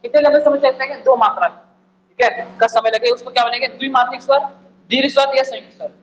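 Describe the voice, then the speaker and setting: A male teacher giving an exam-prep lecture, repeating key points and firing quick questions at the listeners. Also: extremely high pitch, fairly even intonation, fairly bright tone, muffled recording. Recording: echoey room, faint background noise.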